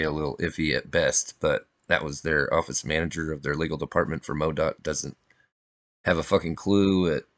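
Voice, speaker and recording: A man's voice: very deep voice, no echo. A man talking casually and informally in an earnest, rambling way. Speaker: individual drone operator and video maker.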